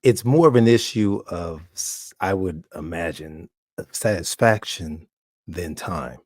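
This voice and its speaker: Thoughtful man with a low voice. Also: animated, measured pace, no room sound, studio quality. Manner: thoughtful, musing, hedging. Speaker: podcast co-host. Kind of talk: casual podcast chat.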